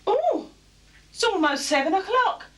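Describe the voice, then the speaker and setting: Very high-pitched prim housewife played by a woman. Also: very animated, a little slow, exaggerated voice. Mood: fond, fretful. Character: sweet, long-suffering suburban housewife in a spoof advert. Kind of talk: spoof TV advert acting. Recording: noisy amateur camcorder film, loud audience.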